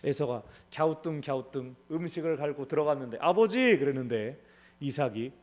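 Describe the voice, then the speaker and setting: A man's voice: medium pitch, steady tone, brisk, a little mellow. A man pastor preaching an expository sermon in a conversational way. He asks rhetorical questions and acts out the characters' lines in dramatized voices.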